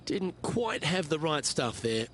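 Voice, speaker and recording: Male golf commentator, lighter pitch, clipped play-by-play calls, noisy outdoor sound. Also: very animated, a little slow, fairly bright tone. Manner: brief reactive calls between shots.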